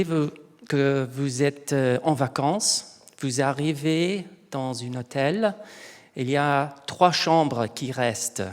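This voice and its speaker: A middle-aged man, a native English speaker with a foreign English accent in French, giving an informal conference talk and haltingly searching for words. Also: a little high. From England. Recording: long hall reverb.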